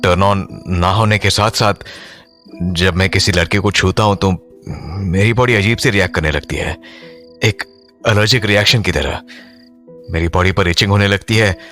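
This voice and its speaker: A man's voice: lowish voice, moderate pace, bright, forceful tone, soft background music. An actor playing a reserved young man who flusters, apologizes and mixes Hindi with English. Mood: hesitant. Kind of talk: audio drama acting.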